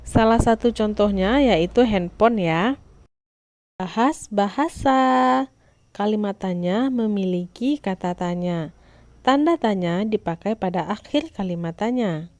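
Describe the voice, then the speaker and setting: A woman teacher, giving a scripted lesson to young children in a clear, instructive way. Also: mid-range voice, lively intonation, unhurried, a little mellow, no room sound.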